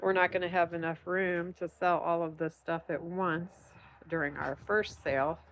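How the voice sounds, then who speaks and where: A middle-aged woman with a lowish voice chats to her viewers as she cleans, sounding a bit congested and nasal. Her camera mic catches the faint hum of a dusty country barn behind her. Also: fairly even intonation, normal speed. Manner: chatty, upbeat, talking to viewers while working. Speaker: vlog host. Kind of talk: casual vlog narration.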